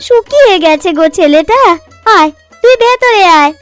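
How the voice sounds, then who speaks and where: In a Bengali fairy-tale cartoon, a woman voices an affectionate, fussing village woman who coaxes and dotes. Her voice is extremely high and animated at a moderate pace, with background music under it.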